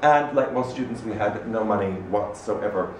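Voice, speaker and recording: A middle-aged man from Canada giving an animated, expressive public talk as an arts director in a small room. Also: on the low side, moderate pace. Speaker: arts director speaking at a salon. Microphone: standing microphone. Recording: echoey room from far off, faint noise.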